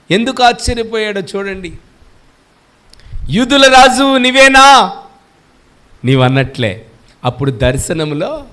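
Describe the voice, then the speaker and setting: A man with a high-pitched voice preaches a Good Friday sermon at a church service. He presses his listeners with question after question and calls on them to answer aloud, keeping an emphatic pulpit rhythm. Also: a bit bright. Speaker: pastor.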